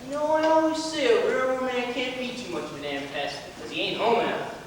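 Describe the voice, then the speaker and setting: A man's voice: very high voice, a little fast, slight background noise. Young man as a talkative older railroad father, folksy, stage musical; distant mic, long reverb. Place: theater stage before an audience.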